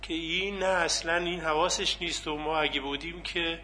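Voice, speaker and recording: A man's voice: a little high, fairly even intonation, sharp tone, slight background noise. A man, a university colleague, telling an anecdote from campus. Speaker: university colleague, guest speaker.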